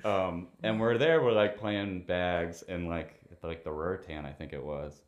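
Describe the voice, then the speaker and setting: A man's voice: deep voice, normal speed, dull audio. A young man hosting a podcast in casual chat, telling stories with lots of laughter. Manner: animated storytelling, laughs often. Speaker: podcast host.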